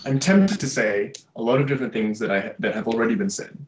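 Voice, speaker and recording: Speaking fast in a sing-song, mid-range voice, this young man reflects at length before a desk webcam in a small, bright room. An artist and social worker from Malaysia and Singapore, he is thoughtful, with many restarts and fillers. The audio is poor, with slight background noise.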